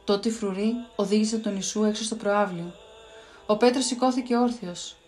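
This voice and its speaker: A woman reading a Bible story aloud for children in a clear, expressive storytelling voice. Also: mid-range voice, soft background music.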